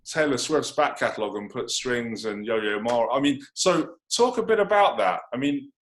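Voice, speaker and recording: A British-accented man hosts a radio interview at an even, mid-level pitch. He builds long, winding questions, adding asides as he goes. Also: moderate pace. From United Kingdom.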